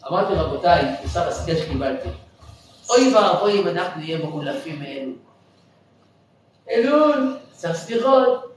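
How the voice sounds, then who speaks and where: A man, a rabbi, telling a story in a lively, joking sermon in a synagogue, recorded from far off with heavy echo. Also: sits high, pauses often, a little hiss or hum. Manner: animated, exclaiming, jokey. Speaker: rabbi giving a lecture. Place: synagogue hall. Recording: echoey hall from far off.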